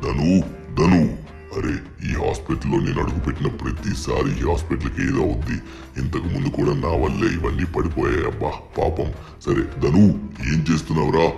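A man's voice: brisk, darkish tone, soft background music, exaggerated voice. A man voicing the Hulk as a boastful, menacing giant in a fan dub of game footage. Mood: gruff. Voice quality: deep gravelly growl. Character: huge boastful male Hulk, grown man.

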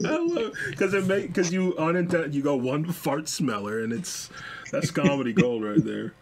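A man's voice: fairly high pitch, animated, normal speed, gravelly, crowd noise. A man co-hosting a podcast, chatting casually and joking with frequent laughs. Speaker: podcast co-host. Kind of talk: casual chat.

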